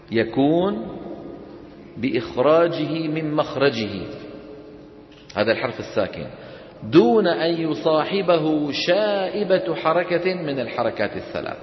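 A man teaching Quran recitation to a class, quizzing his students and having them repeat after him. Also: fairly high pitch. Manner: questioning, drilling students call-and-response. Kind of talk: classroom instruction. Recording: echoey hall, dull sound.

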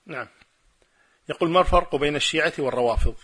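A middle-aged man giving a religious lecture and answering questions from listeners, arguing emphatically and building his points through forceful repetition. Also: a little high, very fast, slightly rough.

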